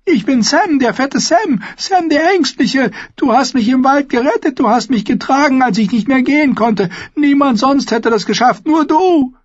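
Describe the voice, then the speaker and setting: A man voicing a fat, timid young man who is panicked and pleads in a shrill squeak. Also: expressive, moderate pace, few pauses, a little mellow, breathy edge, dry recording, muffled recording. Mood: terrified pleading.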